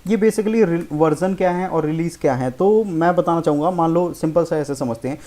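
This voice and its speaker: A man's voice: a little high, fairly quick, warm tone. A man teaching programming in a casual lecture style, who explains informally, keeps checking in with "okay" and corrects himself as he goes. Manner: informal, keeps saying "theek hai", self-correcting. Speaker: programming tutor. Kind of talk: casual Hindi-English lecture.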